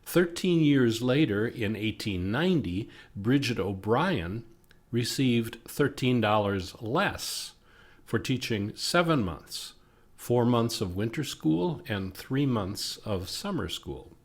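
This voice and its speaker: Man, American accent, slow measured pace, mid-range pitch, scripted history narration. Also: expressive.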